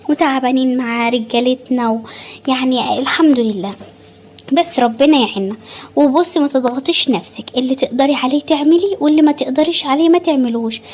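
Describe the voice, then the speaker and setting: A woman's voice: on the high side, darkish tone. A woman with an Egyptian Arabic accent, chatting casually and confidingly to her women viewers in a home vlog voice-over. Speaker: home vlogger.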